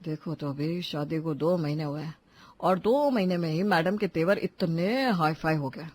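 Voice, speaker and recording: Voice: medium pitch, moderate pace, a little mellow, natural voice. A voice actor doing a sulky young husband. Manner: sulky, sarcastic. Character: sulky young man, quick-tempered new husband. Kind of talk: Hindi cartoon voice acting.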